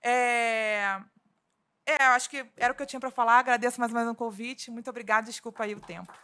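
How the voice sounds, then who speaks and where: Speaking quickly and sharply, a woman with a fairly high voice and fairly even intonation delivers a seminar talk in a conference hall, with a little hiss or hum audible. She's a labor judge from Rio de Janeiro, Brazil, with a Rio accent, earnest in manner and prone to fillers and restarted sentences.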